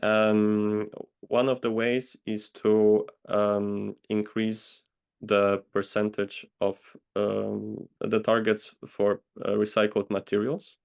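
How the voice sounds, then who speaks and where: A man answers interview questions over a video call, slow to find his words and pausing often. His voice sits low and gravelly, and the pitch stays flat throughout. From Poland. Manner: measured, hesitant with many pauses. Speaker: guest consultant.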